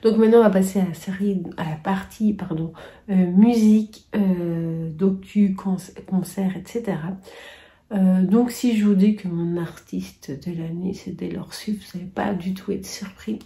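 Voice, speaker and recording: Middle-aged woman vlogger, casual and halting, very dark tone, gravelly. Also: mid-range voice, steady tone. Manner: hesitant, many fillers, drifting into whispers. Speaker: booktuber sharing yearly favourites. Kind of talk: casual talk to camera.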